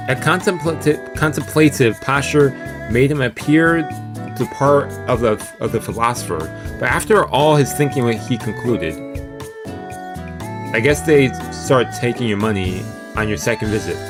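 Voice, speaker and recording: A man with a medium-pitched voice reads a visual novel aloud at a moderate pace for a let's play. He drops casual asides and stumbles over long words while video game music plays behind him.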